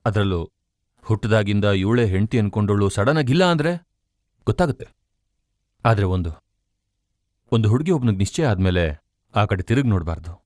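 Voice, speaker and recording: A jealous fiancé turns threatening in a film dub, voiced by a man. His voice sits low and rises and falls widely. The sound is dry and close, with no room around it. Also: animated, brisk, pauses often, darkish tone, dry recording, natural voice. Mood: stern. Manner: stern, threatening. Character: jealous, menacing male fiancé. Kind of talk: Kannada film dubbing.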